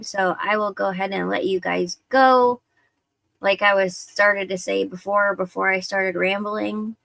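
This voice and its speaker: Slow, gravelly-voiced woman streamer. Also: medium pitch, pushed and bright, no echo. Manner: rambling, conversational, with many fillers. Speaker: livestream host. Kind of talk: casual livestream chat.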